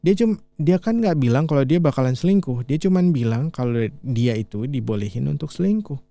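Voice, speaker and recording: Relaxed, mellow-voiced male teacher. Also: medium pitch, creaky, dry recording. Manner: repeats English lines slowly, then explains in relaxed chatty speech. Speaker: English teacher. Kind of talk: casual language lesson.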